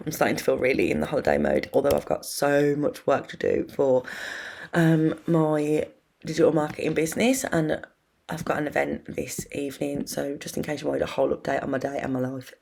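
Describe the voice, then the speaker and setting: A woman's voice: low voice, creaky, a little mellow. A young British woman with a slightly wheezy voice, chatting casually and informally to viewers as the host of a self-help video. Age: young adult. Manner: informal, rambling and confiding.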